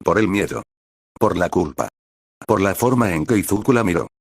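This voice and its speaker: A man narrating a romance story in an even, measured reading. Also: deep voice, creaky, husky, no room sound, clean studio sound.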